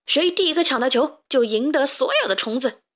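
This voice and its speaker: A woman voicing a loud, boisterous young chick in a children's storybook. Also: high-pitched, big pitch swings, moderate pace.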